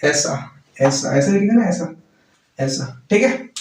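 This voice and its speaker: Male chemistry teacher, higher voice, drills students with quick questions; heavy room echo, distant mic. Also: animated, darkish tone, a little hiss or hum. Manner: asks and answers his own questions, repeats key words. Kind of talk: classroom lecture. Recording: roomy echo, voice from far off.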